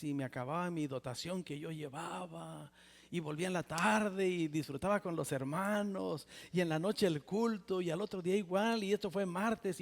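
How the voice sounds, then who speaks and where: A Mexican man in his sixties preaching a personal testimony sermon in a church, with a Mexican Spanish accent, swinging from loud exclamations to near whispers. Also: high-pitched, creaky. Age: 60s. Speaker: pastor. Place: church sanctuary. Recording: reverberant church hall.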